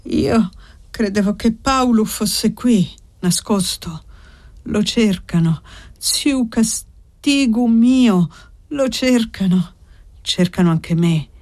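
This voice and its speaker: A woman's voice: medium pitch, expressive, takes it slowly, a little mellow, pitched above the performer's own voice. A woman reading the part of a young, frantic foundling woman who pleads with breathless urgency in an audiobook. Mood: desperate. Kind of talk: audiobook character voice.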